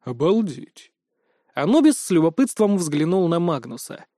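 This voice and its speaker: A man narrates a first-person audiobook in a fairly high voice, and he gives the captain's lines an angry, sarcastic bite. The sound is close and dry. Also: animated, fairly quick, darkish tone, no room sound.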